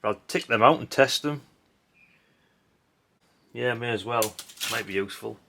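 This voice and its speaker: A middle-aged hobbyist host speaks at normal speed in a medium-pitched, fairly bright voice with vocal fry. He rambles casually while sorting old electronics, blunt and dry, with tag questions and a bit of mild swearing. The clip carries background noise and the clink and clatter of parts being handled.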